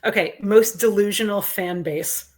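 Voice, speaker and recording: Woman in casual rapid-fire fan banter. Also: medium pitch, darkish tone. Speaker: co-host of a sports fan show.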